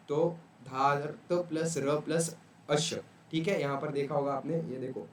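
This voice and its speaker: A man's voice: a little high, echoey room, distant mic, slight background noise. A man whose first language is Urdu, giving a casual exam revision lecture and often checking in with "okay". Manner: casual, repeats "ठीक है" often. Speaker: tutor.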